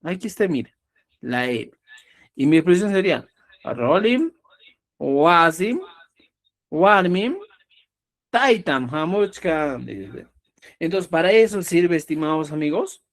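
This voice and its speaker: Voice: medium pitch, expressive, measured pace, long pauses. A teacher gives a lesson, stressing example words and checking in often with the listeners. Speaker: Quechua writing teacher. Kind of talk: explanatory lesson.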